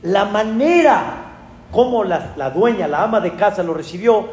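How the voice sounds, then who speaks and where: A man with a Mexican accent, a rabbi telling a story in a sermon with animated, dramatic exclamations. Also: high-pitched, moderate pace, reverberant, long reverb tail.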